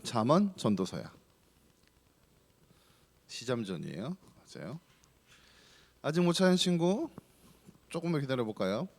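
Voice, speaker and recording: A male pastor giving a children's sermon, keeping it interactive and playful as he fires questions at the kids. His pitch sits a bit high and swings up and down a lot. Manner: asks children many questions, playful and teasing.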